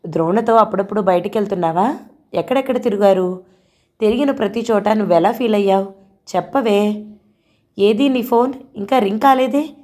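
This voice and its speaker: A woman's voice: medium pitch, normal speed, pauses often, dark tone, close to an everyday voice. A woman reading a bubbly teasing young friend. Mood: excited. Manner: eager, teasing questions.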